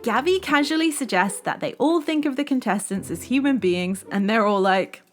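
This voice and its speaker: A woman's voice: on the high side, animated, moderate pace, soft background music. A woman hosting a review show, narrating with wry, sarcastic humor. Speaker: host reviewing a TV series.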